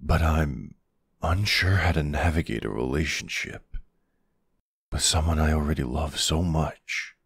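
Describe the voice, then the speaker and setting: A man plays a gruff, protective, tender older boyfriend, a reluctant lover, in an intimate ASMR roleplay, using an exaggerated, very deep voice that is gravelly, husky and a bit bright. He speaks unhurriedly, sounding nervous and tender, hesitating, sighing and using casual endearments. The studio-quality audio is recorded on a close, dry mic with no echo.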